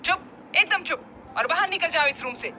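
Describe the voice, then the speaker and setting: A woman's voice: animated, normal speed, sharp tone, slight background noise. A woman voicing a stern, hot-tempered young man with a heavy voice who scolds his younger brother. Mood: angry. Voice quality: heavy deep-toned voice.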